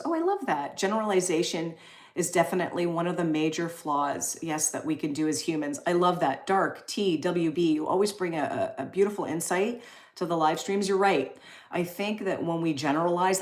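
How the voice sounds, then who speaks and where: A woman's voice: fairly low pitch, darkish tone. Chatty Canadian woman in her forties. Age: 40s. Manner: chatty and upbeat, laughing often between comments. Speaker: livestream host. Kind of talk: casual live stream chat reading comments.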